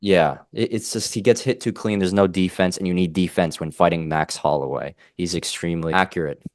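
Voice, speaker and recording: A young man talks through fight analysis in a casual co-host chat, opinionated and animated. His voice is on the lower side and smooth. The sound is close and dry, with no room in it. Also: brisk, dry recording. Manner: animated, opinionated, self-interrupting. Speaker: MMA podcast co-host.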